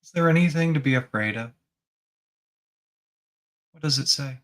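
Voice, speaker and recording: In a medium-pitched voice at normal speed, a male meditation teacher walks the listener through a spiritual practice, nudging them gently with questions to reflect on.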